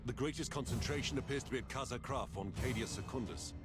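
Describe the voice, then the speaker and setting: A man's voice: medium pitch, quick pace, close to an everyday voice. An actor playing a disciplined naval officer giving formal, clipped reports to his captain in a scripted video game. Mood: grave, formal. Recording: loud game music, artillery fire behind. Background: loud music and artillery fire.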